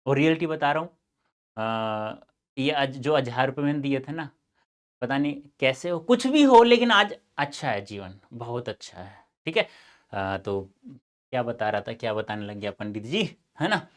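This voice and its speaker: A male teacher delivering a Hindi board-exam lecture to his class. He explains patiently, then breaks into animated, fatherly advice, often calling students "beta." His voice sits at an ordinary middle pitch. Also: moderate pace. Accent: North Indian Hindi. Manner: addresses students as beta, lively asides and advice.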